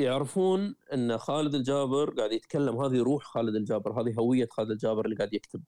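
A man with a Gulf Arabic accent speaks briskly and eagerly as a guest, often breaking off and restarting his sentences. His voice is mellow and dark in tone. He is recorded close to the mic with a dry sound. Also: medium pitch, no echo. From Qatar. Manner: lively storyteller, frequent self-corrections and restarts. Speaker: guest, traveler and writer. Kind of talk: conversational interview.

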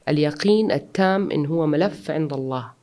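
Fast-talking woman guest. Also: low-pitched, mellow. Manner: earnest, reflective, mixes in English words. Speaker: interview guest. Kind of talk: personal interview.

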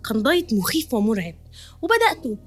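A woman's voice: on the high side, big pitch swings, fast, slightly rough, soft background music. A young woman with an Egyptian accent hosting a podcast, telling her own story in an emotional, confessional way. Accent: Egyptian Arabic. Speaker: podcast host, nutritionist.

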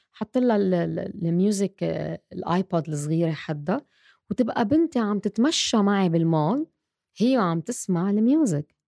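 A woman's voice: lowish voice, gravelly, warm tone, no room sound, clean studio sound. A woman with a Lebanese accent, talking to mothers in an earnest, direct way and repeating words for stress. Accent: Lebanese Arabic. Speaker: podcast host. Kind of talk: casual personal talk to mothers.

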